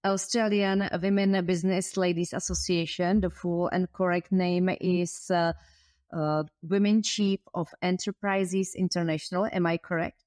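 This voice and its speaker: A woman's voice: on the low side, little pitch movement, measured pace, darkish tone, no room sound, studio quality. A woman interviewing a guest, asking questions hesitantly with many fillers and some non-native phrasing.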